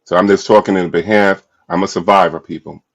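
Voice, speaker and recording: Ein Mann mit sehr tiefer Stimme spricht leidenschaftlich als Aufklärer über häusliche Gewalt, mit stockendem, sich wiederholendem Nachdruck. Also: male voice, sits low, fairly even intonation, vocal fry. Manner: emphatic, repetitive, halting. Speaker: domestic violence awareness speaker. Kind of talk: impassioned spoken storytelling.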